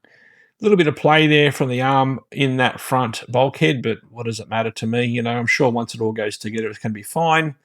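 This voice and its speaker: Man, mid-pitched, easygoing hobby host, chatty workbench commentary, dry close sound. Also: brisk, fairly bright tone, dry recording. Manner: chatty, rambling, many fillers and self-corrections. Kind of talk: casual build commentary.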